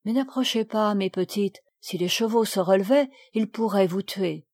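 A woman's voice: medium pitch, normal speed, a little mellow, close to an everyday voice. A woman voicing an anxious, caring nursemaid who gives cautious warnings, in a storybook reading.

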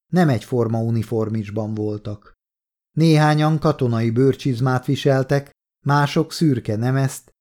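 A man from Hungary narrating a novel as an audiobook in a measured, deliberate reading. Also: mid-range voice, a little mellow. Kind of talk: scripted narration.

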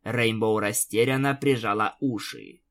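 A man narrating fan fiction aloud in an expressive, dramatic storytelling manner. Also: fairly low pitch, unhurried. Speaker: audiobook narrator.

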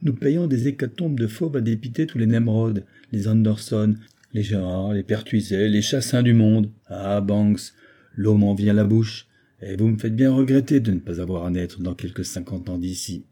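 A man reading an audiobook, voicing an excitable, enthusiastic hunting captain who talks in bursts of exclamation. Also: fairly low pitch, moderate pace, close to an everyday voice. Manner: exclamatory, eager, boisterous.

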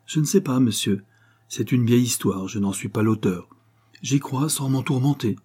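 A man's voice: medium pitch, moderate pace, warm tone, husky, lightly acted. A man voicing an earnest superstitious coachman. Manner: earnest, respectful, believing. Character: simple superstitious old coachman. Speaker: postillion.

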